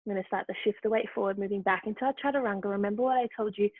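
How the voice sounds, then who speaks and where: A woman's voice: medium pitch, steady tone, very fast, no room sound. Tinny-sounding woman cueing a yoga class. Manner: short encouraging movement cues. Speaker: yoga instructor. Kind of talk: guided yoga class instruction. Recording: tinny phone-like dry sound.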